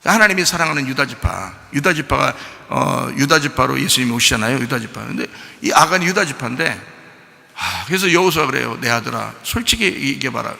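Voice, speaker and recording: A man preaching a sermon as pastor, animated, acting out the voices of God and the people in his story. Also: medium pitch, fairly quick, gravelly, long reverb tail. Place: church sanctuary.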